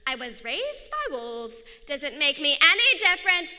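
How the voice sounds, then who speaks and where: Woman playing a feral schoolboy, earnest, bright tone, echoey hall. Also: high-pitched, very animated, unhurried, voice pushed up, exaggerated voice. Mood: defensive. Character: defensive kid raised by wolves, a boy.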